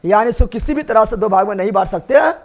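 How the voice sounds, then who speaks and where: Lecturing on biology, a high-voiced young man keeps his intonation lively as he throws quick questions at the class. He hammers key terms through repetition so students remember them.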